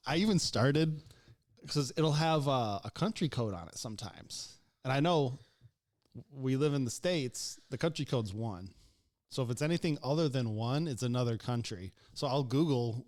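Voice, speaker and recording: A man's voice: medium pitch, expressive, moderate pace, a little mellow. Profane, laughing male storyteller. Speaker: podcast co-host. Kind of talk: casual chat.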